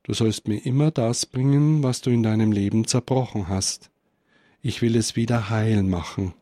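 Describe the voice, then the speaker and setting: Christ child, soft and forgiving, read by a man. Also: on the low side, moderate pace, dry recording, clean studio sound, lightly acted. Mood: gentle.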